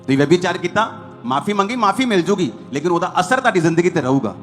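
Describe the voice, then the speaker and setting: A male pastor, preaching quickly in a fairly high voice and driving each point home through short repeated bursts. Soft music plays under his sermon. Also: sing-song.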